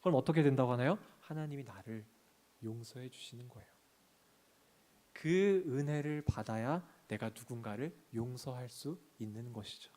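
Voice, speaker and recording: A man's voice: mid-range voice, moderate pace, warm tone. A man preaching a sermon as a pastor in a church sanctuary, asking the congregation questions and answering them himself, and reading scripture aloud.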